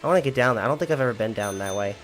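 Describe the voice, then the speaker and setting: A young man in his twenties rambles through a casual gameplay stream, laughing often as he answers chat. His pitch sits in an ordinary middle range for a man, and soft game music plays faintly behind him. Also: expressive, racing. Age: 20s. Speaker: livestreamer.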